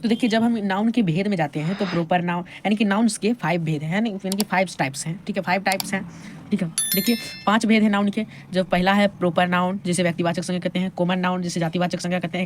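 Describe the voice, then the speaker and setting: A woman teacher with an Indian accent walks through a grammar lesson at a middle pitch. She keeps checking in with the listener and answers her own questions as she explains. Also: a little hiss or hum. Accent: Indian English. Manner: repeats "thik hai" and asks questions to the viewer.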